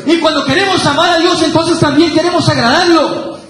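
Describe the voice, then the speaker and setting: A man preaching a fervent Pentecostal sermon, breaking into shouted emphases. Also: very high voice, steady tone, brisk, soft background music. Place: church sanctuary. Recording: very echoey church hall, faint hiss.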